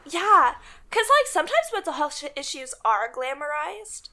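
High, bright, gravelly woman. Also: big pitch swings, normal speed. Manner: chatty, heavy use of "like". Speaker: podcast co-host. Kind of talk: casual chat.

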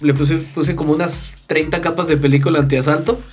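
A man's voice: a little high, fairly even intonation, fairly quick. Mexican guy co-hosting a podcast, loose and slangy, faint music behind. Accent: Mexican Spanish. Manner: slangy, rambling with many fillers. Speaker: podcast co-host. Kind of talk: casual chat.

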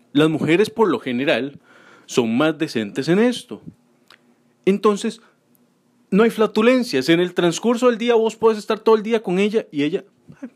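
A man around forty, doing a crude, self-mocking stand-up comedy monologue. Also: high voice.

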